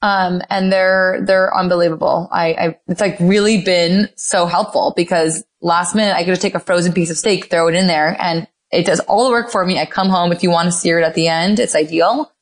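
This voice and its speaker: A woman's voice: lowish voice, steady tone, a little fast, hardly any pauses. Gushing woman talking food and gadgets. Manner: enthusiastic, gushing, lots of "like" and "oh my God". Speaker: guest, cooking mom. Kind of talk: casual interview chat. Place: Los Angeles.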